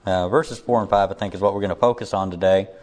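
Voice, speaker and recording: A man giving a casual Bible lesson, his voice slightly hoarse and still recovering, keeping a deliberately level, near-monotone delivery. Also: low voice. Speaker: Bible teacher.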